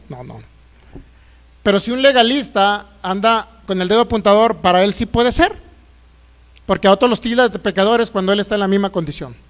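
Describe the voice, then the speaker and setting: A man's voice: sits high, fairly bright tone. A middle-aged man with a Jalisco Mexican accent, preaching a sermon as pastor, jokey and folksy, firing rhetorical questions.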